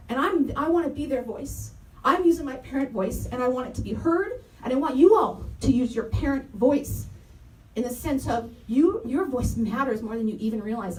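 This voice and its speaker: A woman's voice: high voice, warm tone. A woman in her thirties, a parent and educator, giving an earnest, impassioned public comment at a community forum, repeating her key phrases for emphasis. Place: community meeting room, roomy and echoey. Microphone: handheld microphone, held from some distance. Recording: echoey room, distant mic, faint noise.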